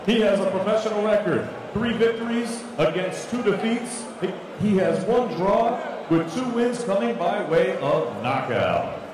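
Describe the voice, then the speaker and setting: A man's voice: sits high, expressive, unhurried, far from the mic. A man working as a ring announcer in a theatrical, ceremonious lucha libre style, stretching out names in formal bilingual boxing introductions. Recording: echoey noisy arena PA from afar, crowd.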